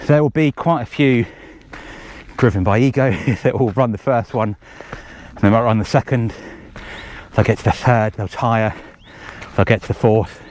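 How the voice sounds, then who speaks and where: A man's voice: mid-range voice, moderate pace, darkish tone, slight background noise. A man organising a race, chatting casually and out of breath as he runs a forest trail, rambling with jokey asides. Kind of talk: casual running commentary.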